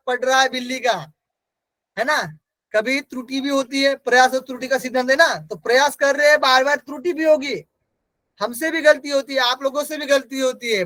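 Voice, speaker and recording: A man's voice: very high-pitched, a bit bright, dry recording, rough recording. A man giving an exam-prep lecture. He asks the class questions, answers them himself and repeats key terms. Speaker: teacher.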